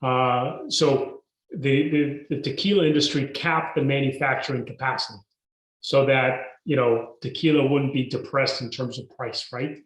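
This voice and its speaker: A man speaks as an interview guest. He tells his story in a measured, emphatic way and leans on key words. His voice sits in a mid range and carries a roomy echo. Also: medium pitch, fairly even intonation. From Mexico. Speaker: guest entrepreneur. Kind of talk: podcast interview.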